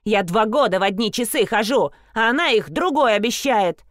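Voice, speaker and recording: A woman reading an audiobook, voicing a shrill, rude young blond woman who screeches insults. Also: normal speed, no room sound, clean studio sound, lightly acted. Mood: screeching.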